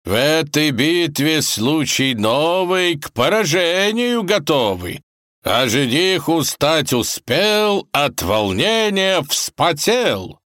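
A man's voice: fairly high pitch, big pitch swings, takes it slowly, fairly bright tone, no room sound, studio quality, voice pushed up, exaggerated voice. A man voicing a jovial, boisterous older male kaiser who declaims rhymes.

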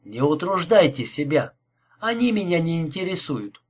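A cold, courteous killer speaks with polite mockery, as a male reader puts him on. His voice is husky and set fairly high, and he never hurries. It is an audiobook thriller. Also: big pitch swings. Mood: cold menace. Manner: politely mocking, unhurried.

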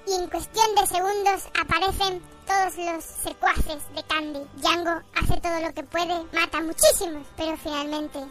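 A woman's voice: extremely high pitch, fairly even intonation, moderate pace, hardly any pauses, music in the background. A woman voicing a small cartoon nut character who narrates a film parody. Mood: chirpy. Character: tiny cartoon nut narrator, bright and chirpy. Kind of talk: comic narration.

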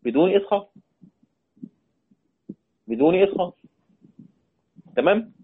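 A man's voice: sits high, expressive, unhurried, breathy edge. A man with an Egyptian accent teaching a recitation lesson, repeating his points, quizzing his listeners and drawing out recited words. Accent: Egyptian Arabic. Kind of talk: classroom lesson. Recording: tinny phone-like sound.

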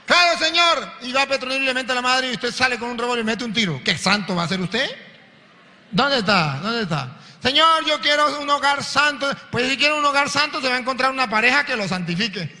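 A man, a priest preaching a sermon, telling a story and acting out its voices with lively energy. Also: very high-pitched, fast, big-room sound, a little hiss or hum.

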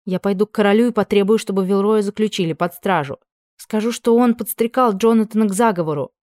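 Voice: medium pitch, fast talker, a little mellow, no echo, studio quality, voice pushed up, lightly acted. A reader voicing an anxious young noblewoman, a duchess who pleads with her husband and turns icily proper with intruders.

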